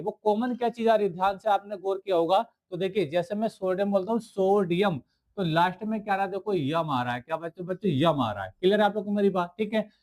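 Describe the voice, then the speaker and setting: A man with a fairly high voice gives a recorded science lesson to school students. He keeps asking the class questions, answers them himself and says each key word over again, as if drilling it. He writes on the screen as he talks. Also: darkish tone. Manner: writes on the screen while explaining. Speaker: teacher. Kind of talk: video lecture to school students.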